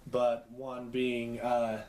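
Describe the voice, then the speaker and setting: A young man co-hosting a casual chat, telling a story in an animated way and laughing often. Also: mid-range voice, very slow, roomy sound. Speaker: co-host.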